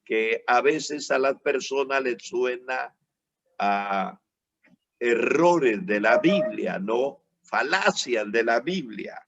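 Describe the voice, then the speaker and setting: Man, evangelist preacher, slow unhurried delivery, gravelly edge, explanatory sermon, rhetorical tag questions, dull lo-fi sound. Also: mid-range voice, lively intonation, a bit bright. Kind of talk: Bible teaching sermon.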